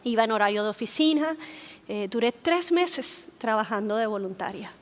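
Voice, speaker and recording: A woman teaching in a church setting, telling a personal testimony in a lively storytelling way and acting out the dialogue. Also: fairly high pitch, normal speed.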